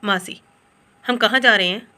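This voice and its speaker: A woman's voice: medium pitch, moderate pace, pushed and bright, lightly acted. A woman voicing a joking young man, a cousin.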